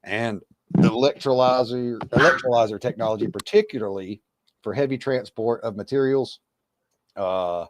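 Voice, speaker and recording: A man's voice: fairly low pitch, animated, moderate pace, darkish tone, no room sound. A man hosting a podcast in casual chat, rambling with many fillers and restarts. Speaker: podcast host.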